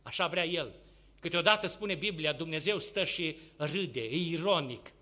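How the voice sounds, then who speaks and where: A male preacher with a high, very bright and piercing voice delivers a sermon. He swings between loud, urgent exhortation and quiet, hushed asides. He keeps putting rhetorical questions to the congregation. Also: expressive.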